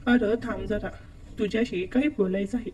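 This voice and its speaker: A woman's voice: medium pitch, fairly even intonation, moderate pace, mellow, husky, close to an everyday voice. A woman voicing a playful, teasing middle-aged aunt in a told story.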